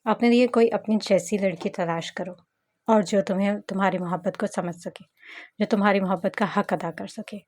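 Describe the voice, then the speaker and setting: A woman voicing a grieving, guarded young woman who answers calmly and with resignation in a romance novel reading. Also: medium pitch, moderate pace, close to an everyday voice. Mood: resigned. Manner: calm, resigned.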